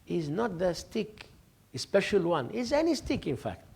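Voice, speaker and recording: A man's voice: sits high, very animated, normal speed, vocal fry, a little mellow, slightly rough. A man, a sheikh giving an informal religious lesson, telling stories, joking and laughing, and acting out dialogue. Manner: conversational, jokes and laughs, acts out dialogue.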